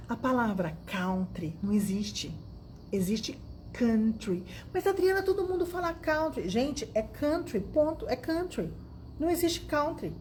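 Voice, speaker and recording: A woman teaching English in a casual video lesson, talking lively and directly to the viewer. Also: a little high, a little hiss or hum. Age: 50s.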